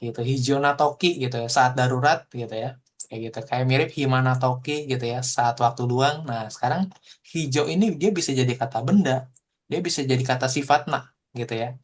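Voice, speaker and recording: A man teaching a Japanese language class online, explaining in a relaxed, chatty way full of fillers. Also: mid-range voice, brisk, slight background noise. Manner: explains in relaxed casual Indonesian with frequent fillers.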